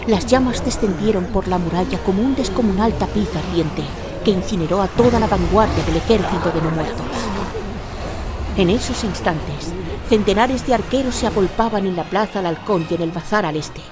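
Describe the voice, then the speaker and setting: A woman narrates a fantasy radio drama in a scripted, dramatic, mid-pitched delivery at normal speed. Music is clearly audible beneath her voice.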